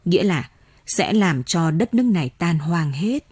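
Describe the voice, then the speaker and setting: Woman narrator for a novel audiobook: slow, dark and husky, measured delivery. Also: on the low side, expressive, no room sound. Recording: dry close mic, faint music.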